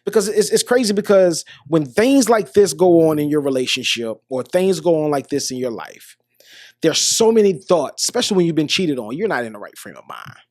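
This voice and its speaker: A man's voice: on the high side, lively intonation, a little fast, a little mellow, dry recording, studio quality. An American man hosting a podcast, talking through relationship advice in an earnest, repetitive motivational monologue. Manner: earnest, repeats himself, restarts phrases. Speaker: podcast host.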